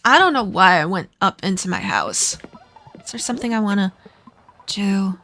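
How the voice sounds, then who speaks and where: A woman's voice: mid-range voice, animated, moderate pace, bright, forceful tone, faint music behind. A woman from Minnesota with a Minnesotan accent, chatting casually and giggling while streaming a game. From Minnesota, USA. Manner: chatty, giggly, rambling aside to chat.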